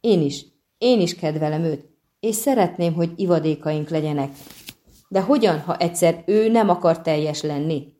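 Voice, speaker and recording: A haughty, petulant siren shrills her demands, as a woman reader puts her on. The storybook sea creature sounds high and indignant, pushed up well above a dark, mellow reading voice. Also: close to an everyday voice. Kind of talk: audiobook reading.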